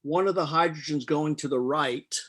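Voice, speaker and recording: Slightly high and fairly bright in tone, a middle-aged man's voice moves at normal speed as he teaches a live online chemistry class. He breaks everything down step by step and tells patient jokes.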